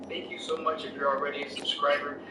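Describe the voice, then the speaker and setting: A man's voice: fairly high pitch, completely flat delivery, fast talker, heavy background noise. A man giving a dramatic, scripted lore narration as a video narrator. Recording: roomy, distant, under loud music. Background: loud music.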